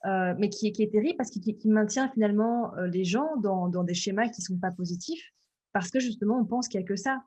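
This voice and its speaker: A woman hosting an interview, speaking thoughtfully and pausing often with fillers. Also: mid-range voice, a little mellow. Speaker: host. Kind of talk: conversational interview.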